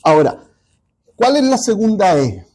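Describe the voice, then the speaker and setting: A man teaching a Bible study class, pausing often and checking in with his listeners. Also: high-pitched, sing-song, darkish tone. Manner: halting, repeats ¿ya? to check understanding.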